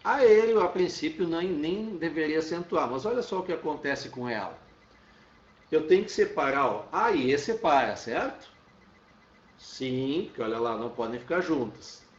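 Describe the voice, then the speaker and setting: A man's voice: on the high side, expressive, normal speed, far from the mic. A man teaching a lesson, explaining step by step and checking in with his students. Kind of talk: classroom lecture. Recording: roomy, dull sound from off-mic.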